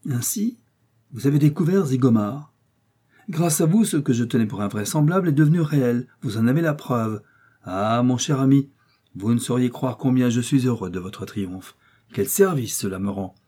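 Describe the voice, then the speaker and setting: A man voicing a shrewd, effusive French detective in an audiobook, speaking in an animated way. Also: mid-range voice, breathy edge. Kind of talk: audiobook character reading.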